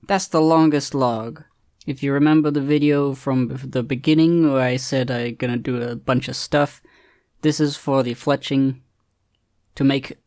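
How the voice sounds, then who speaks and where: A man's voice: medium pitch, darkish tone. Laid-back male gamer narrating his own play, meandering, lots of ums, lightly self-mocking. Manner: rambling, hesitant, many ums and restarts. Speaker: gaming video creator. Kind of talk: casual gameplay commentary.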